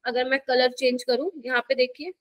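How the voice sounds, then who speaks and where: This live chemistry class is led by a woman whose high voice stays level in tone as she mixes Hindi and English with an Indian accent. She explains at a slow, patient pace and often checks for understanding, with no echo in the sound.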